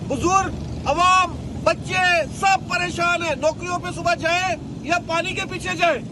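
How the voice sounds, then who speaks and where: A man's voice: extremely high pitch, fairly even intonation, moderate pace. A man speaking as a protesting resident in a street interview, listing grievances in short repeated phrases. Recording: loud traffic noise outdoors.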